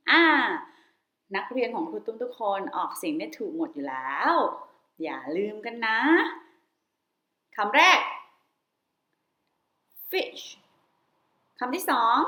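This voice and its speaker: A woman with a Thai accent teaching English phonics to young children, slow and encouraging, repeating each word. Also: mid-range voice, pushed and bright, roomy sound.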